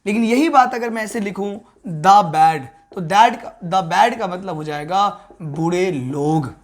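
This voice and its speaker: Male teacher explaining grammar step by step. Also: sits high. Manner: keeps asking the viewers whether they understood; repeats key terms slowly to stress them. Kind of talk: online grammar lesson.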